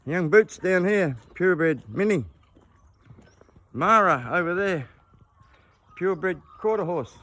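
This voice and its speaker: A man's voice: high voice, lively intonation, slow, long pauses, a bit bright. An Australian man in his seventies gives a blunt, rambling rant while walking around his small farm. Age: 70s. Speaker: vlogger and hobby farmer. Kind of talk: casual ranting monologue. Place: outdoors on a small farm among animals.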